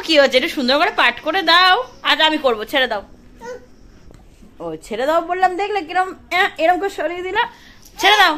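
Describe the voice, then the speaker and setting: A woman's voice: extremely high pitch, bright, forceful tone. A woman with a Bengali accent filming a casual home vlog, coaxing her toddler with playful baby talk. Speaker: vlogger and mother. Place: home, indoors. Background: background music.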